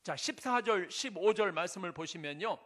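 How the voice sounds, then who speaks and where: A man's voice: high voice, animated, normal speed, fairly bright tone. A male pastor giving a sermon in an earnest, conversational way, asking the congregation rhetorical questions. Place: church sanctuary.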